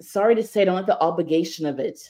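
A woman co-hosting a podcast, talking casually and candidly in quick bursts. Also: on the low side, warm tone. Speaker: podcast co-host.

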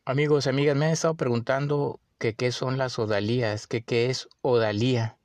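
A man with a Mexican accent hosting a podcast, musing in a relaxed way with many pauses and fillers. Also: mid-range voice, no echo. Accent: Mexican Spanish. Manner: unhurried, with frequent fillers and restarts. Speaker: podcast host. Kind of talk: casual reflective monologue.

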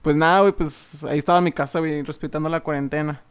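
A young man with a Mexican accent chats as a podcast guest. He speaks in relaxed, slangy phrases, his voice sitting slightly high. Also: fast, clean tone. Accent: Mexican Spanish. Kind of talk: casual podcast banter.

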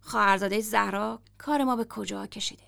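A woman reading the lines of a gruff, foul-mouthed grown man who grumbles and swears in a story. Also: medium pitch, steady tone, fairly bright tone.

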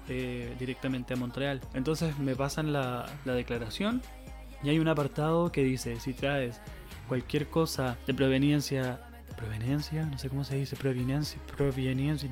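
Chatty young Chilean man, slangy. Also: medium pitch. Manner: chatty, rambling, heavy slang and swearing. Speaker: podcast host. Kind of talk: casual storytelling monologue.

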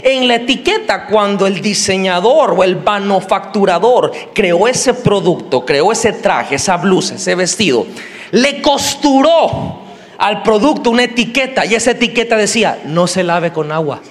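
A high-pitched man with a Mexican Spanish accent delivers a lively, jokey sermon. He slips into shrill, squealing character voices to act out his examples. His voice rings with the long reverb of a large church hall. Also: normal speed. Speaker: preacher.

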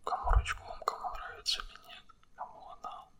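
A man speaking an ASMR monologue straight to the listener in a breathy, unvoiced whisper, right in the ear and close to the mic, with blunt wording. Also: normal speed, fairly bright tone. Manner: blunt, coarse language.

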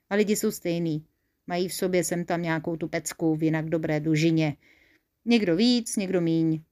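Saint Nicholas, kindly and wise, gentle teacher manner, read by a woman, children's story. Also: medium pitch, natural voice. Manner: gentle, explaining like a calm teacher.

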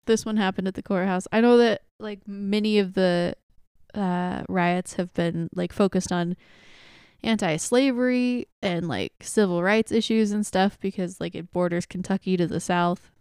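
A woman's voice: medium pitch, moderate pace, darkish tone, clean tone, no room sound, studio quality. A young woman co-hosting a casual history podcast, rambling with lots of "like" and fillers and the odd swear. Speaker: podcast co-host.

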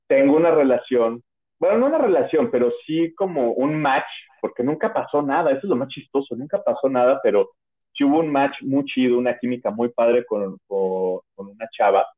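A man's voice: mid-range voice, moderate pace. A man with a Mexican accent telling personal stories on a podcast in a casual, rambling way, with many restarts and fillers. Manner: chatty, rambling, full of "o sea" and restarts. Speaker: podcast host. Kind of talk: casual storytelling. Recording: narrow phone-like audio.

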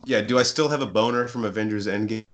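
A man's voice: lowish voice, quick pace, slight background noise. A man co-hosting a podcast in casual, joking banter. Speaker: podcast co-host.

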